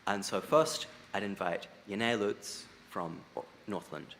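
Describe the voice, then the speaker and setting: A man from New Zealand hosts a debating ceremony with relaxed, lightly joking remarks full of fillers. His voice is very low but sharp and bright in tone. A long hall reverb and faint background noise surround it. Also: slow pace. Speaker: master of ceremonies. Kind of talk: ceremony hosting. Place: large debating chamber.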